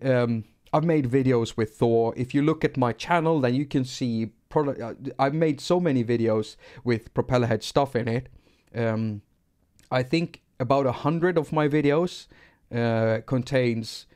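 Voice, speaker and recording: A middle-aged Swedish music producer with a Swedish accent teaches synthesis on a live stream, rambling and putting himself down, repeating words whenever he restarts a sentence. His voice is medium-pitched and a little mellow.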